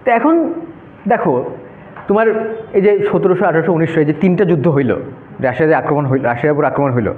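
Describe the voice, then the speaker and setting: A man's voice: on the high side, animated, rapid-fire. A young man giving an informal classroom lecture, talking students through a map and often checking "okay?". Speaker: debate workshop instructor. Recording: echoey room, phone-like narrow sound.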